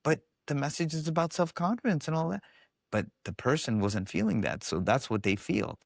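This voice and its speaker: A man's voice: on the high side, expressive, fairly quick, vocal fry, no echo, studio quality. A man being interviewed as a guest expert, telling stories with animation and acting out the voices of the people he quotes. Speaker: guest, biofeedback specialist. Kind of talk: casual interview storytelling.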